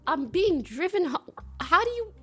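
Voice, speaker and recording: High, lively young woman telling a story. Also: moderate pace, faint music behind. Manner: animated, laughing often, swearing, slangy. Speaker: streamer. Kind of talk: casual storytelling to a live chat.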